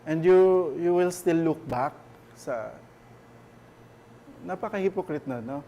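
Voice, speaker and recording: A man's voice: on the high side, slow, warm tone, a little hiss or hum. A man with a Filipino accent preaching a conversational church sermon, often checking in with rhetorical questions. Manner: chatty, keeps asking rhetorical tag questions.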